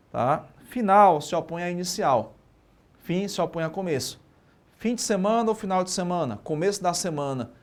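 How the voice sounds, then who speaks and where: A man with a Brazilian Portuguese accent teaching a live online exam-prep lesson, lively and constantly checking in with tag questions. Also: a little high. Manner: lively, asks and answers own questions, frequent tag questions.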